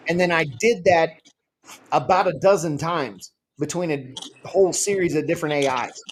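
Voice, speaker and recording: Excitable, profane podcast host, a man. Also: a little high, a little hiss or hum. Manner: profane, excitable, reads out absurd instructions. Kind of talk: casual podcast chat.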